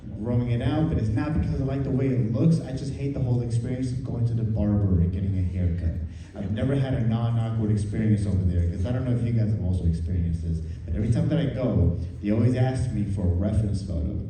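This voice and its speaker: A man's voice: fairly low pitch, quick pace, mellow. A man doing conversational stand-up comedy, telling self-deprecating stories in a casual way to a live audience. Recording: echoey room, distant, faint noise.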